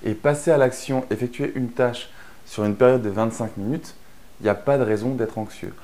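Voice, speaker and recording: At normal speed, a man from France speaks in a medium-pitched, dark-toned voice. He's an online instructor explaining a productivity method in chatty course narration, restarting often and filling pauses.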